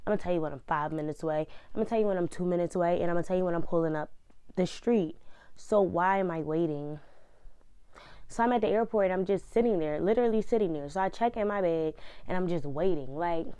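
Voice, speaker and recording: A young woman telling a story in a casual vlog, blunt and profane, animated as she goes. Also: on the low side, fast talker, smooth, dry recording.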